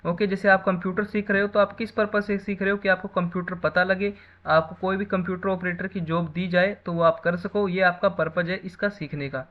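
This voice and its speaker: Guy with a high voice giving a computer lecture, lots of "hai na", kinda muffled lo-fi sound. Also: steady tone, a little fast. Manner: explains with examples, repeats "है ना" often. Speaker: computer teacher. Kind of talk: classroom lecture.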